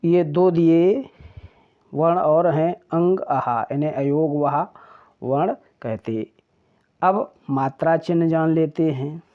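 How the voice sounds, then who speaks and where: Teacher, alphabet lesson, extremely slow, drawn-out sounds, muffled lo-fi recording. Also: medium pitch. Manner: deliberate, drawn-out pronunciation of each sound. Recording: dull lo-fi recording.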